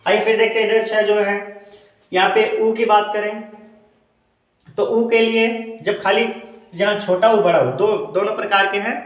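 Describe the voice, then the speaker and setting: A man with a high-pitched voice teaches a pronunciation lesson. He explains patiently and repeats each example word with long, drawn-out vowels. The room around him rings with echo. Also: little pitch movement. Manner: explains slowly, drawing out and repeating example words. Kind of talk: Hindi-language English phonetics lesson.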